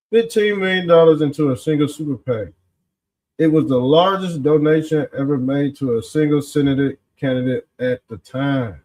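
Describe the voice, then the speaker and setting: Rough recording quality frames a man with a mid-range voice hosting an informal show of political commentary. His folksy street style features drawn-out emphasis and a smug, sarcastic manner, as if exposing something.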